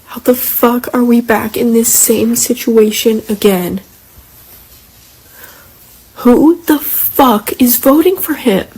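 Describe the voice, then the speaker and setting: Slow husky shaken woman. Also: on the high side, a little mellow, poor audio. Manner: shaken and profane. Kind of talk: emotional video rant.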